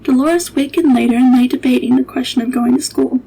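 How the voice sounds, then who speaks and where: A woman reads a bedtime story aloud in a hushed, unhurried voice. Her pitch sits fairly high, and she keeps her delivery gentle and soft. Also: breathy edge, poor audio. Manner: quiet, slow, partly whispered.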